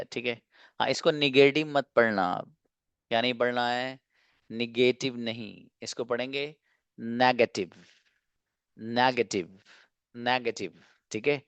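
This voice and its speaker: Brief: male online teacher, smooth resonant voice, dry close mic, repetitive drilling delivery. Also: medium pitch, moderate pace, fairly bright tone, no echo. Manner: repeats patterns in a drilling rhythm, asks and answers his own questions. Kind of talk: online class lecture.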